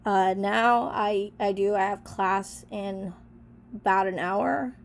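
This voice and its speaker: Sick young woman with a gravelly voice. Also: mid-range voice, steady tone, slow. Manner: chatty, reads each question then comments offhand with many fillers. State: sick, stuffy voice. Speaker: vlogger. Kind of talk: casual vlog, reading old journal answers aloud. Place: small bedroom in an apartment.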